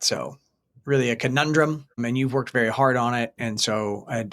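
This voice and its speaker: Calm man in his forties. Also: medium pitch. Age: 40s. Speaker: podcast co-host. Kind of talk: casual podcast talk.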